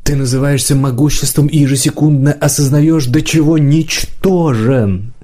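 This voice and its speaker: A man voicing a powerful aging male court magician who mutters in a soft, bitter tone, in an audiobook reading. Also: fairly high pitch, steady tone, moderate pace, pitched above the performer's own voice, lightly acted. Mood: brooding.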